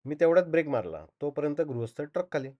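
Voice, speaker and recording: A man's voice: fairly high pitch, sing-song, fast. A man voicing a flustered truck driver who pleads that he is not at fault, in a slightly dull recording. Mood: pleading. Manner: pleading, earnest. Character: flustered male truck driver defending himself.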